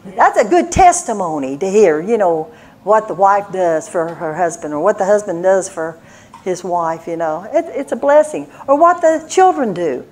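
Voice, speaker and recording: A woman's voice: medium pitch, sing-song, normal speed, darkish tone. An older woman giving a folksy sermon, telling family stories and laughing often. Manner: folksy storytelling with frequent laughs. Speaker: church speaker.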